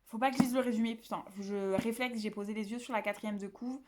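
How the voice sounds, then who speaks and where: A woman's voice: a little high, fairly even intonation, fast, a little mellow. A woman from the south of France chatting casually to camera about her books at home, rambling with many fillers and restarts. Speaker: book vlogger.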